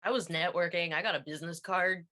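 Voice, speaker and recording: Deadpan bright woman player. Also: lowish voice, quick pace. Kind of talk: in-character tabletop role-play.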